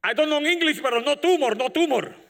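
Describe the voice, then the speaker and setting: A man acting out an excited male patient chanting broken English, in an echoey hall. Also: very high voice, a little fast, vocal fry, voice pushed up, heavily acted. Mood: exultant. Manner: chanting, insistent.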